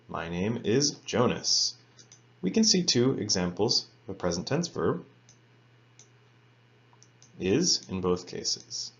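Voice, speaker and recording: A man teaching an English grammar lesson to students, reading example sentences slowly and carefully. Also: low voice, fairly bright tone, lo-fi sound. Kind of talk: recorded lecture for students.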